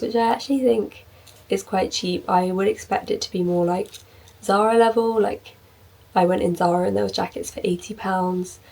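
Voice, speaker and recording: A young woman chatting casually in a vlog, upbeat and full of fillers like "like", her voice a little hoarse. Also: mid-range voice, mellow, recorded from a distance, poor audio. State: slightly hoarse. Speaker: vlogger.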